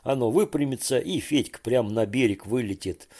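A man's voice: medium pitch, mellow, breathy edge. A man doing a chattering eager boy. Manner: rapid chatter.

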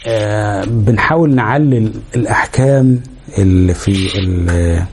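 A man's voice: lowish voice, darkish tone, a little hiss or hum. A man with an Egyptian Arabic accent teaching tajweed rules, explaining step by step and checking that listeners follow. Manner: explains step by step, pauses with fillers, checks understanding. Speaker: Quran recitation teacher. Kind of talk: explanatory lesson.

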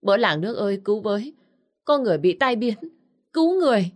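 A woman voicing a terrified aging female housemaid who shouts and pleads for help. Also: lowish voice, animated, moderate pace, slightly rough. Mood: screaming for help.

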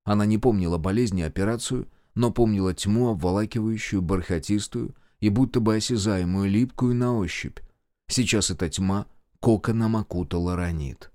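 A man narrating a horror audiobook in a dramatic, expressive way. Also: fairly low pitch, moderate pace, no room sound, clean studio sound. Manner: dramatic, acts out characters.

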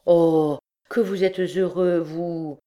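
A woman's voice: fairly low pitch, fairly even intonation, slow pace, mellow. A woman reading aloud, voicing a desperate mother who pleads fervently, her voice raised above her usual tone. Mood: pleading. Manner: fervent, imploring. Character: desperate pleading peasant mother, middle-aged.

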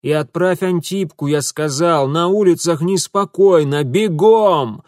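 A worn-out young man, as a reader puts him on, hoarse and barely able to push the words out. He drags slowly through each phrase in a dry, close storybook reading. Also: a little high, big pitch swings, dark tone, dry recording, voice pushed up, exaggerated voice. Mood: weary. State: hoarse and exhausted.

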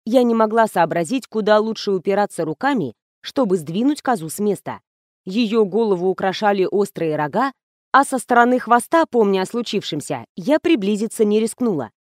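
A woman telling a comic first-person story with lively, ironic delivery. Her voice sits at a middle pitch. The sound is dry and close, with no room echo. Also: moderate pace. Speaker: audiobook narrator. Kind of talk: scripted narration.

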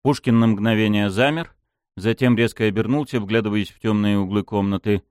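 A man narrating a fantasy audiobook in an even, dramatic storytelling manner. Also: lowish voice, a little fast, clear, resonant tone, no echo, studio quality.

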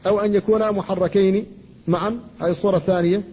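A man, an Islamic scholar, giving a classroom lecture on Quran recitation. He explains rules at a measured teaching pace, recites verses slowly and stops to answer students. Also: sits high, fairly even intonation, husky. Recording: dull lo-fi lecture recording with faint noise.

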